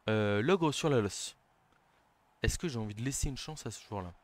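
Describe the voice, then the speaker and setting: A man narrating his own strategy game as he plays, swinging from low, muttered planning to loud bursts of excitement. His pitch leaps around wildly when a move lands or fails. He sounds like a player streaming for his viewers. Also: normal speed. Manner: excitable, shouts on big plays, then murmurs tactics. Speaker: gaming commentator. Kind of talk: live game commentary.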